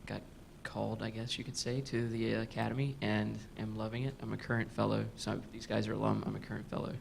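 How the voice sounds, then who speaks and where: A man introduces himself on a panel with a deep, heavily gravelly voice that stays level. He keeps things loose and jokey. A faint rumble sits underneath. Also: little pitch movement, fairly quick. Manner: joking, loose. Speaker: panelist, fellow.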